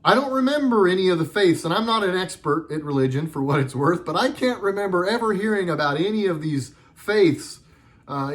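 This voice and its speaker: A middle-aged man delivering a sarcastic, heated political commentary monologue with lots of emphasis. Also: a little high.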